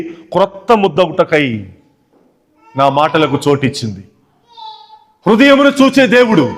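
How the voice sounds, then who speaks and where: A man preaching a sermon as pastor, emphatic and repetitive, firing rhetorical questions at the congregation. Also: high-pitched. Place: church watch night service.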